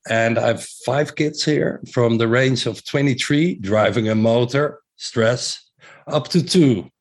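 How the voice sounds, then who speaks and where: Speaking casually in an interview, a middle-aged man from the Netherlands enthusiastically describes his breathing work in a heavy Dutch accent. His medium-pitched delivery is a little slow, full of fillers and frequent restarts.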